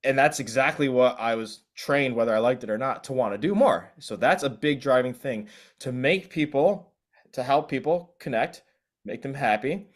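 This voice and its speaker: A man's voice: mid-range voice, expressive, moderate pace. A man, a DJ guest speaking earnestly and reflectively, often restarting his phrases. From South Korea. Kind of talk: casual interview chat.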